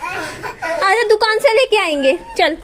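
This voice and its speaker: A young mother gently coaxes and soothes her crying child, repeating short phrases, in a casual home vlog. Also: very high voice, lively intonation, slow, background noise. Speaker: mother and vlogger.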